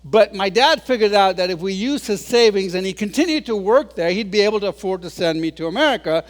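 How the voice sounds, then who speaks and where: Speaking fast in a high, animated voice, this guest speaker, a man in his sixties, delivers a funny talk full of stories and self-deprecating asides. The long reverb of a large hall surrounds the recording.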